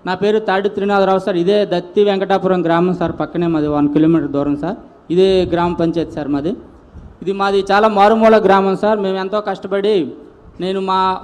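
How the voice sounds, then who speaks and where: A man's voice: sits high, fairly even intonation, fairly quick, a little mellow, big-room sound. A man who works as a school principal speaks formally and respectfully at a public meeting, repeatedly addressing the listener as sir.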